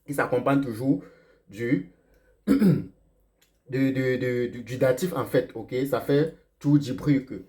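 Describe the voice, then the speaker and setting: A man's voice: medium pitch, dark tone. Man teaching, "ok?" after every phrase. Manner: slows down sharply to spell out German words. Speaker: German teacher. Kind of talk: explaining lesson to learners.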